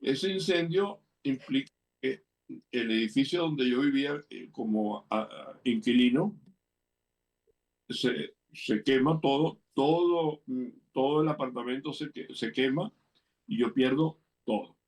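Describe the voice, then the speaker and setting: A man's voice: mid-range voice, a little slow, a little mellow. Older venezuelan guy spinning a story, plays the voices, mic a bit far off. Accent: Venezuelan Spanish. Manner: playful storyteller, acts out quoted voices. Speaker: guest, interviewer's father. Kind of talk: anecdotal storytelling.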